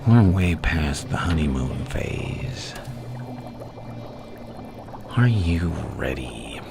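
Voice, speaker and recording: In an ASMR roleplay, a man portrays a gleefully menacing, seductive madman villain, teasing and taunting in a gravelly, breathy voice that often drops to a whisper. The delivery is exaggerated, with a low rumble.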